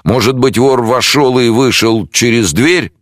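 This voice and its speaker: A man's voice: mid-range voice, unhurried, no room sound, studio quality, voice pushed up, natural voice. A man voicing a stolid police sergeant who speaks in a formal, official manner. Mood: officious.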